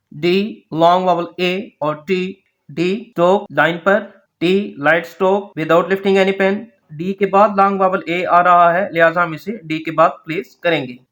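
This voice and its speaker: Guy with a high voice teaching shorthand, goes letter by letter, slow and careful. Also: a bit bright. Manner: slow, spells out letters one by one. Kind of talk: step-by-step lesson.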